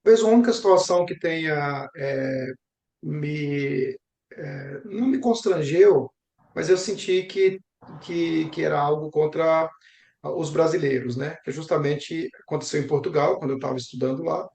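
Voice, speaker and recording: This young Brazilian man, a geography professor being interviewed about travel, speaks a little slowly in a high-ish, darkish voice with vocal fry. Reflective and chatty, he tells stories and frequently adds small tag questions, and the sound is roomy and echoing.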